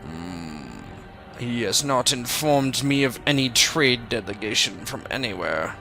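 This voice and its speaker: A man's voice: medium pitch, expressive, measured pace, over music. A game master voicing a stern, heavily armored male castle guard whose metallic voice is muffled by his helmet, speaking in a curt, guarded way. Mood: suspicious.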